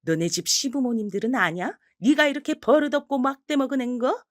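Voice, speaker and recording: A harsh, shameless old mother-in-law, as a woman reads her out, scolding in a slow, contemptuous drawl. Her words land completely dry and close, with no room around them. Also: high-pitched, animated, dry recording, voice pushed up.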